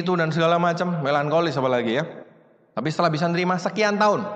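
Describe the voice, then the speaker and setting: A man's voice: high voice, fairly bright tone, big-room sound. A man giving a conversational motivational talk to an audience, acting out little dialogues as he goes. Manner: conversational, addresses audience as Bapak Ibu, acts out dialogues. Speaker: motivational speaker.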